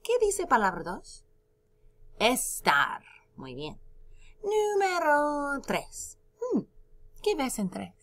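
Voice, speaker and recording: A woman's voice: high-pitched, wildly swooping pitch, extremely slow, long pauses. A woman teaching a recorded lesson, spelling words out letter by letter, stretching syllables and praising her students between prompts.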